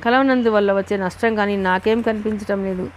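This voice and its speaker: A woman's voice: medium pitch, steady tone, brisk, slight background noise, close to an everyday voice. A woman reading the lines of a reserved, stubborn young man in an audiobook, with terse, guarded replies.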